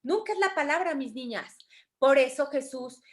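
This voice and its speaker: High-voiced animated Mexican woman teacher. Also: moderate pace. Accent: Mexican Spanish. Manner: animated, acts out quoted voices, calls students affectionately. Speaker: spiritual study group teacher. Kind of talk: teaching a course in an online group class.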